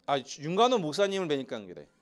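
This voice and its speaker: A man's voice: on the high side, brisk, a little hiss or hum. A male pastor from Seoul preaching a sermon in a church and joking with the congregation. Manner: joking with the congregation, lively asides. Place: church sanctuary.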